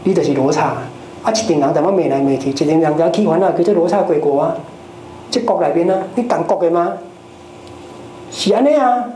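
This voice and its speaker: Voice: mid-range voice, fast. Buddhist teacher preaching in a roomy hall. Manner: lively, rhetorical questions to the audience. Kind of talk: dharma lecture. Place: lecture hall of a Buddhist society. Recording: roomy hall with faint noise.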